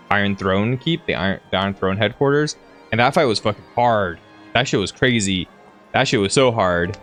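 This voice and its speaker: A man's voice: lowish voice, a bit bright. A young man casually commentating a game on a live stream, rambling, swearing and filling with "like". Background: faint game music.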